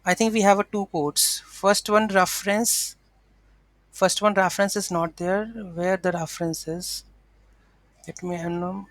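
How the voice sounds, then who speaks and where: A woman hosts an informal coding tutorial, thinking aloud and explaining each step as she works. She has a mid-range voice with fairly even intonation and a measured pace. There's no room sound, though the audio quality is poor.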